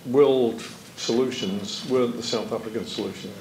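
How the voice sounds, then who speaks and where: A rough recording with some hiss or hum captures an older ex-police chief testifying from a desk in a lecture theatre. Speaking at a moderate pace in a medium-pitched voice with vocal fry, he tells anecdotes and gestures animatedly.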